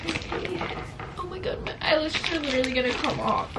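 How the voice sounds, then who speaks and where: A teary young woman of nineteen gushes through an unboxing vlog, her voice high and bright. She sits a bit back from the mic, and a loud hiss of noise runs under everything she says. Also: animated, brisk, recorded from a distance. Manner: gushing, tearful, says "like" and "literally" often. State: teary, on the verge of crying. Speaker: vlogger.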